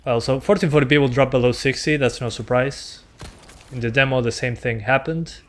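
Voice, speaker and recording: A man's voice: medium pitch, brisk, a bit bright. A man doing casual gameplay commentary as a streamer, chatting with his viewers as he plays. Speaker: game streamer.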